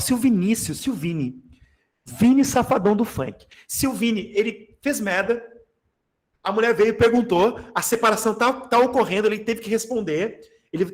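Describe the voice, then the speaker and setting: A man from Brazil teaching Portuguese grammar in a lively exam-prep class, joking and talking straight to his students. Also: sits high. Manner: animated, jokey, addresses class directly.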